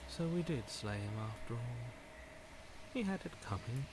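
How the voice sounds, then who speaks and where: A man voicing a weary, resigned inner voice who speaks flatly. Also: mid-range voice, normal speed, natural voice. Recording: noisy game audio.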